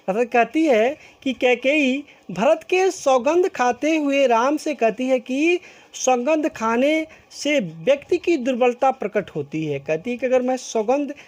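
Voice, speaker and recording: Slow, repetitive woman teacher. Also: high-pitched, a little mellow. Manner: slow and repetitive, rephrasing each line several times. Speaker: school teacher. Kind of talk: explaining a poem line by line in class.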